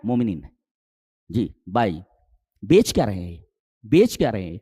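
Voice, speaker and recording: Animated male preacher with dry sound. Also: breathy edge, no echo. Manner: animated, rising to high emphatic peaks then dropping low, rhetorical questions. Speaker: Islamic preacher. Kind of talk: Urdu sermon with Quranic exegesis.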